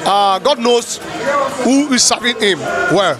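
A man giving an earnest, halting spoken tribute at a party, with loud music and crowd behind. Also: very high voice, lively intonation. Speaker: guest giving well-wishes. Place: party hall.

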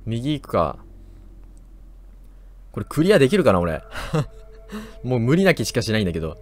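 Jumpy, lively young man narrating a horror game. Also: medium pitch, moderate pace. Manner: jumpy, loud startled outbursts and joking complaints; talks to himself while exploring. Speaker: gameplay commentator. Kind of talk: horror game let's play commentary.

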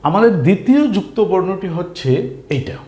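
A man teaches beginners to read, slowly drilling each letter and syllable and asking questions as he goes. His voice sits fairly high and swings up and down with animation. The recording carries a roomy echo. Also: lively intonation, darkish tone. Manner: slow, patient, repeats and drills syllables, asks questions. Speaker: Bengali reading teacher. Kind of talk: spelling lesson for beginners.

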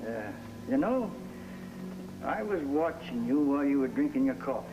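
An actor playing a shrewd, probing elderly lighthouse keeper in an old television drama, talking in a folksy, hesitant way. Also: male voice, medium pitch, big pitch swings, normal speed, highs cut off, natural voice. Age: older. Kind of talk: 1950s television drama acting. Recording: old television recording with faint hiss.

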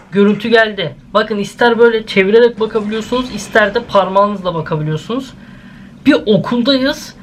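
A man's voice: high voice, a little hiss or hum. A young man with a Turkish accent hosting a casual horror reaction vlog at home, talking straight to his viewers and crying out at every scare. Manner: excitable, jumpy, exclaiming at scares; addresses viewers directly. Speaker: YouTuber host. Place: at home, indoors. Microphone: camera set up in the room.

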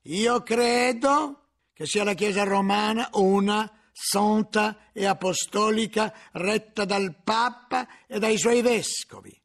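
A man's voice: high voice, slow, gravelly, full character voice. A man reading an audiobook aloud, voicing a frightened male monk who stammers his answers under interrogation. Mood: fearful. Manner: stammering, fearful, quiet.

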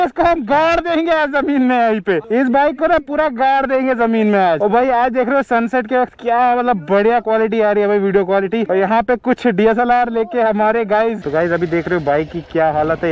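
A man vlogging casually while riding off-road, calling out excitedly to friends and viewers on sandy ground outdoors, recorded on an action camera. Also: extremely high pitch, smooth, highs cut off. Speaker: motorbike vlogger. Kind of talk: casual off-road vlog commentary.

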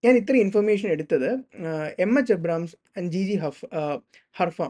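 A man's voice: sits high, moderate pace, darkish tone. A young man with a Malayali accent giving a chatty, informal literature lecture, sometimes reading textbook phrases aloud.

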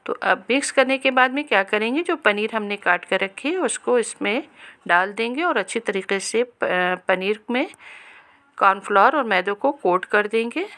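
A woman hosts a cooking channel, calmly talking viewers through a recipe step by step in a voice-over. Her voice is mid-range and her speed normal.

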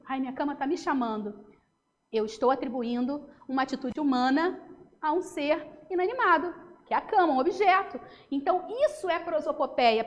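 A Brazilian woman teacher giving a recorded lesson, lively and chatty, checking in with her students often. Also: high-pitched, in a large hall. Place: home.

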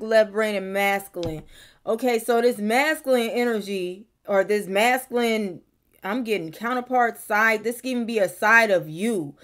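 A young woman giving a casual tarot reading to camera in her bedroom, musing and repeating herself as she thinks aloud. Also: on the high side. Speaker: tarot reader. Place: bedroom, indoors.

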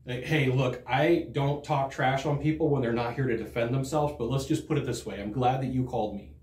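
A middle-aged man teaching sales to camera in a studio, talking in a lively, conversational way and acting out what customers say. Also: mid-range voice, a little fast, reverberant. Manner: animated, conversational, acts out customer quotes. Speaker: sales trainer. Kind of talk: direct-to-camera training talk. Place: studio in front of a green screen. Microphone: fixed camera, standing at a desk.

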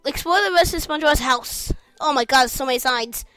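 A woman's voice: sits high, brisk, fairly bright tone, faint music behind. A young woman chatting casually and blurting out reactions while playing a video game. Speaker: let's play co-host. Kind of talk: casual gameplay commentary.

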